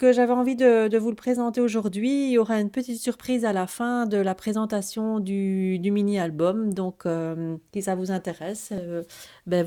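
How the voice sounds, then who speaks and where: Hesitant woman with a warm, mellow voice. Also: mid-range voice. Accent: noticeable French accent. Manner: hesitant, many fillers and restarts. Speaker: craft video host. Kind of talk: casual product presentation.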